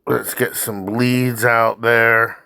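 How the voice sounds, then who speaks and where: Gravelly, unhurried man doing game commentary. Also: mid-range voice, little pitch movement, pushed and bright, no room sound. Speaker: gamer commentating on own gameplay. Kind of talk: casual mobile game walkthrough commentary.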